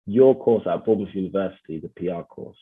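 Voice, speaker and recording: A man interviewing a guest, asking brisk questions from a script. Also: deep voice, husky. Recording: tinny phone-like line with crowd noise.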